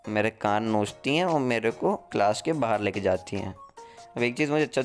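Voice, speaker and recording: A man casually telling a story from his school days to his channel's viewers, chatty and mixing in slang and English words. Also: mid-range voice. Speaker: vlogger.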